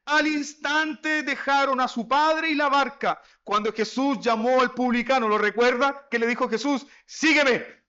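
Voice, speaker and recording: Chilean man, pastor, sermon, very high bright voice, slow, repeated questions, dull lo-fi recording. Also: smooth. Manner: repetitive rhetorical questions to the congregation.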